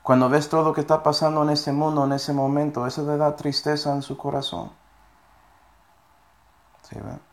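A man's voice: on the high side, flat delivery, moderate pace, creaky, pauses often. A man preaching a sermon, reading scripture verses aloud and often checking in with his listeners with short questions. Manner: reads scripture verses aloud between explanations.

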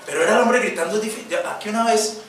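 A man preaching and telling the story with lively acted quotes. His voice is very high and bright. It echoes heavily around a large room, heard from some distance. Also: racing. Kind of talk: sermon, Bible passage retold. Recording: echoey room, mic far off.

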